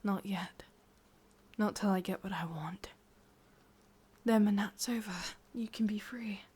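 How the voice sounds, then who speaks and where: In a breathy, whispered ASMR roleplay, an English-accented woman plays a witch who is sadistic and possessive, commanding yet doting, delivering each line with intimate deliberation. Her mid-range voice is slightly mellow, and she comes across as possessive and tender.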